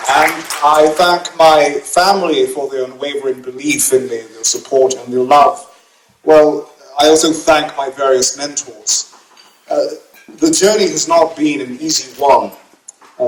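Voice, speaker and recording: A man's voice: mid-range voice, a little hiss or hum. A young man accepts an award with an earnest, formal speech. His words carry a rhetorical, uplifting lift. The sound is roomy, as if from a banquet hall. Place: banquet hall at gala dinner.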